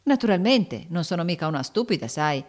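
A woman voicing a spirited, impulsive teenage girl in an audiobook, eager and brisk. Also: on the low side, sing-song. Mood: indignant. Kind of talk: audiobook character reading.

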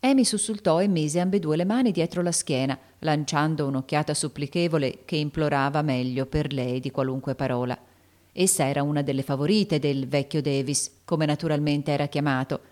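A woman reading a classic novel aloud in an expressive, dramatic storytelling manner. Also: low-pitched. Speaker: audiobook narrator. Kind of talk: scripted narration of a classic novel.

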